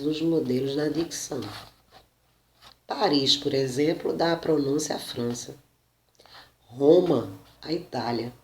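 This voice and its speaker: Brazilian teacher, measured lecturing pace, mid-pitched voice, echoey room. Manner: slow, deliberate, frequent "né?" and self-corrections. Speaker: Portuguese teacher. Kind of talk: spoken lesson, reading and explaining. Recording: roomy echo.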